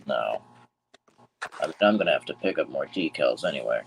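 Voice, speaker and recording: Very deep gravelly-voiced man. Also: a little fast, a little hiss or hum, low-quality recording. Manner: relaxed, thinks aloud while working. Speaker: livestream host building model trains. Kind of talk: casual chat while working.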